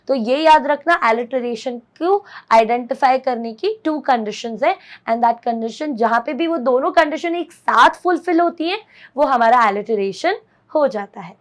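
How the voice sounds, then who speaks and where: A woman teacher, mixing Hindi and as she explains a poem simply and keeps asking her students questions. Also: high-pitched. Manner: explains simply, often asks the class questions; mixes Hindi and English. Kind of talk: classroom poetry lesson.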